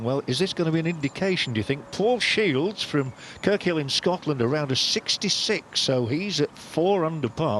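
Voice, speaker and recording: A man's voice: mid-range voice, slight background noise. A man presenting as lead golf commentator, conversational and inclined to put questions to his colleagues.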